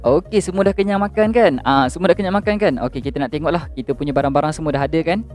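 A young man with a high, light voice hosts a casual game role-play as a fussing father. He talks in a lively, joking, bossy way, with faint game music behind. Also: rapid-fire.

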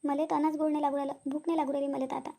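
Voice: high-pitched, flat delivery, rapid-fire, creaky, warm tone. A voice actor doing a fretful young cartoon wife. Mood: worried. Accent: Vidarbha Marathi. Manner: fretful, murmuring to herself. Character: worried young wife, soft and hesitant. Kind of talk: cartoon voice acting.

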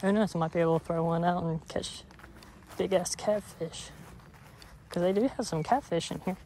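A man's voice: high-pitched, steady tone, normal speed, darkish tone, slight background noise. A man vlogging while he fishes at a pond, talking in a casual, rambling way and correcting himself, recorded on a chest-mounted camera outdoors. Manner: rambling, self-correcting, offhand. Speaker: fishing vlogger. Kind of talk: casual outdoor fishing commentary.

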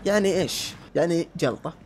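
A man commentating his own gameplay at a rapid clip, in a voice sitting a little high for a man. He swings between yelling insults at enemies and quiet muttering to himself, with a faint hiss of noise underneath. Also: expressive. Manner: shouts insults at enemies, then drops to low muttering. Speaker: gamer. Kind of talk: let's-play commentary.

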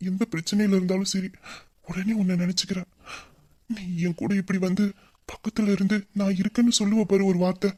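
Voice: mid-range voice, a little mellow, natural voice. A performer voicing a young husband in an audio drama who misses his wife, talking in an emotional, intimate way.

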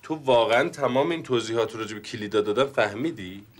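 A man's voice: medium pitch, lightly acted. An actor playing a pompous, boastful male police detective in a TV sitcom, talking formally and self-importantly. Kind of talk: TV sitcom acting.

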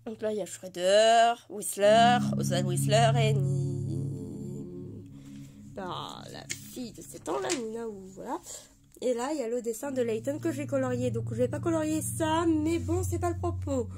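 A woman with a hoarse voice from a cold, gushing and rambling with many fillers as she shows off her collection in a casual vlog. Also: on the high side, unhurried, music in the background. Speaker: vlogger showing her collection. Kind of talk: casual show-and-tell. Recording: noticeable background noise.

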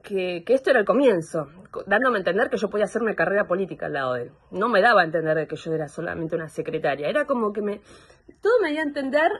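A young woman with an Argentine accent gives personal testimony over a video call, halting and searching for words. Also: mid-range voice, lively intonation, husky. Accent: Argentine Spanish. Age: young adult. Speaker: complainant in a psychological assessment.

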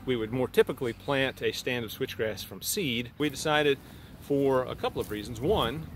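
A middle-aged man speaks outdoors on a farm pasture, explaining plant plans in a thoughtful, unhurried way full of small fillers. A faint hiss of outdoor ambience sits under his voice. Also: medium pitch. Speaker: university plant scientist.

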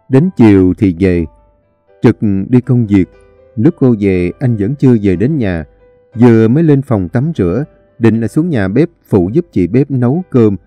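A man's voice: lowish voice, dry recording. A man narrating a dramatic novel expressively. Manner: expressive, animated storytelling. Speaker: story reader.

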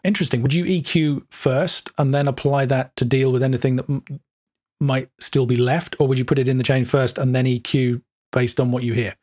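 A man's voice: mid-range voice, fairly even intonation, fairly quick, a little mellow. A man hosting an interview podcast, chatting with hesitations and filler words. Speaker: podcast host. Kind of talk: conversational interview.

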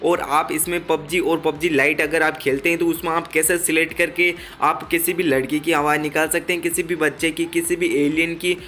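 A man's voice: fairly high pitch, level tone, a little fast, few pauses, pushed and bright, slight background noise. A man with an Indian accent giving a casual step-by-step phone tutorial, instructing viewers directly and often repeating himself. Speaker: tech tutorial host.

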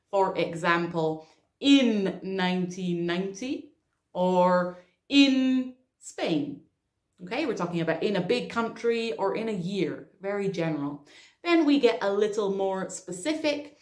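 Woman teacher, slow and deliberate delivery, recorded in an echoey room; clear, patient, dry humor. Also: medium pitch. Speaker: English teacher. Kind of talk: online grammar lesson.

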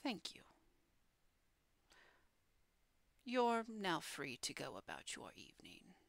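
A woman voicing a cold, commanding male demon lord in a whispered role-play, slow and threatening. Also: lowish voice, huge pitch swings, vocal fry, no echo, full character voice. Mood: coldly polite.

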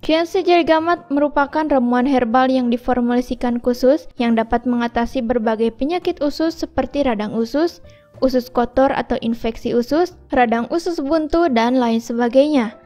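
A woman reading a scripted product advertisement in an even, upbeat sales voice, slowing down to read out numbers. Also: high voice, soft background music. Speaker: ad narrator.

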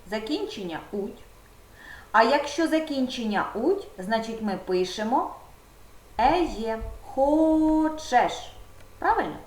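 A woman teaching a primary school video lesson, patiently guiding the pupil step by step. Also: a little high. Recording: roomy echo with faint background noise.

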